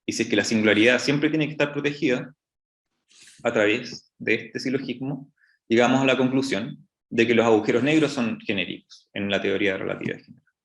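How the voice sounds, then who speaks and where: A man's voice: medium pitch, brisk, creaky. Man lecturing in an echoey room. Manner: explanatory, many restarts and "entonces, bueno". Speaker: astrophysicist giving a public science talk. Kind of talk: public lecture.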